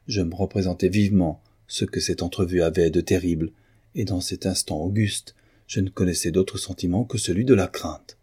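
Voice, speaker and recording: A man reading a classic novel aloud in a measured, expressive narration. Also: deep voice, breathy edge. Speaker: audiobook reader. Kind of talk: scripted narration.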